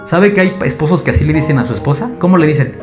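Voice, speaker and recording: A man with a Mexican accent preaching a sermon, animated and addressing the congregation as brothers. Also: on the high side, very fast. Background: guitar music.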